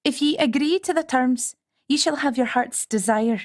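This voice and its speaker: Young scottish witch lass, way up high, firm and chiding, guy narrator doing her voice. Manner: chiding, brisk dialect speech. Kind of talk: audiobook character voice.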